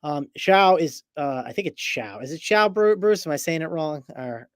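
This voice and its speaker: A man with a fairly high voice hosts a sports picks show in a chatty, self-deprecating way. He reads chat comments and hands off to his co-hosts. The sound is dry and close. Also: lively intonation, moderate pace, clean tone, no room sound. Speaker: show host. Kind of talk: casual podcast chat.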